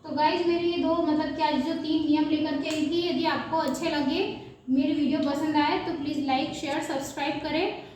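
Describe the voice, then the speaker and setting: A very high-voiced woman teaches beginners phonics, spelling letters slowly and asking and answering her own questions. Her voice sits far back from the mic in a strongly echoing room, with a faint hum underneath. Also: steady tone, darkish tone.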